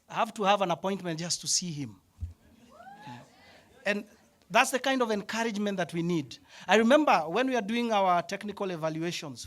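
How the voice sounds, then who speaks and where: A man, head of an animation department, giving an emotional, reflective faculty speech at a graduation ceremony. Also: high voice. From Africa. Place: ceremony hall.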